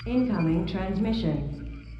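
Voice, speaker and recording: An echoing video game computer. She announces in a slow, measured, formal way, with music behind her. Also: mid-range voice, animated, muffled recording. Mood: neutral. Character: calm female car computer announcing transmissions.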